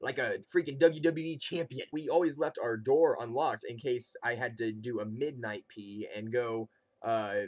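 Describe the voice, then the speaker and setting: A young man with a mid-pitched voice tells a comic personal story in a casual, conversational way. He is animated and slips into quoted reactions as he goes. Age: young adult. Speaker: comedic storyteller.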